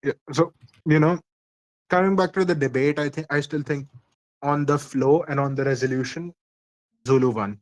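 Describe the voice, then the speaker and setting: A man's voice: fairly high pitch, moderate pace, long pauses. A man from India chatting casually on a voice call, rambling with restarts and swearing. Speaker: discord call participant. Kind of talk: casual chat.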